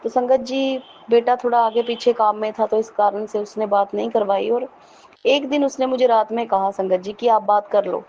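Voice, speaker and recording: A middle-aged woman from Jammu earnestly telling a devotional testimony, often pausing to address her listeners respectfully. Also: on the high side, steady tone, warm tone. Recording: dull lo-fi recording with faint noise.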